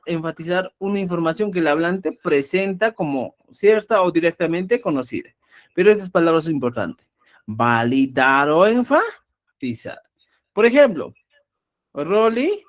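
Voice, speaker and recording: A teacher gives a lesson, stressing example words and checking in often with the listeners. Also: mid-range voice. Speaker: Quechua writing teacher. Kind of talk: explanatory lesson.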